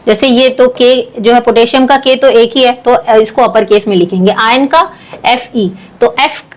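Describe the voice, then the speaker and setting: A woman's voice: a little high, unhurried. A woman, a science teacher explaining a lesson step by step and calling her students beta. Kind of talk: classroom lecture.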